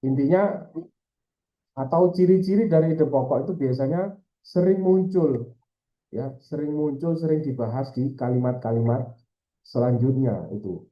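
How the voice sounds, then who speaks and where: A man's voice: medium pitch, moderate pace, pauses often. Hesitant Indonesian man tutoring, roomy sound. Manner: hesitant, many fillers and repeated tags. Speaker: Arabic language tutor. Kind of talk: informal exam-prep lesson. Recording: roomy, slightly dull sound.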